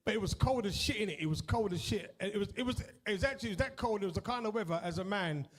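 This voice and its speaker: This middle-aged East London comedian has a high, expressive voice and a quick delivery as he performs stand-up and chats with the audience at a comedy club. He curses liberally and keeps dropping tags like "innit" and "right."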